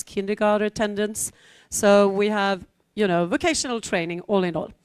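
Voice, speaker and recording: A middle-aged woman from Sweden talks on a conference panel, chatty and wry, with plenty of ums along the way. Her voice is smooth and clear and sits a little high. The sound is close and dry. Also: dry recording. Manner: chatty, wry asides, frequent fillers. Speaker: teacher at a vocational school, panel speaker. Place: conference hall, standing before an audience.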